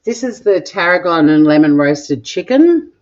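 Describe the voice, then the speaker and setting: A middle-aged Australian woman hosts a live cooking stream from her home kitchen, casually chatting and reading viewer comments in a playful way, with the occasional swear word. Her voice sits on the low side, sing-song and a little mellow, at a moderate pace. The recording is dull, lo-fi and homemade.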